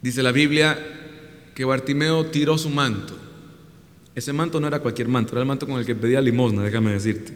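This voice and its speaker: A man's voice: mid-range voice, steady tone, brisk. A man with a Mexican accent preaching a sermon in a colloquial, joking way, in a hall with long reverb.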